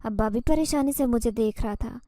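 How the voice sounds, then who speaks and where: A woman's voice: on the high side, mellow, no room sound, studio quality. A woman narrating a first-person horror story in a tense, dramatic manner.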